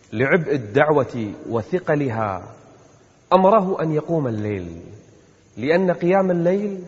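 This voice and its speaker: A man delivers a fervent sermon in a somewhat high voice, pushing hard on his key words. The recording is dull and lo-fi. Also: slightly rough. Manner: impassioned, rising to emphatic peaks. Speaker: preacher. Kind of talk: emotional sermon with Quranic recitation.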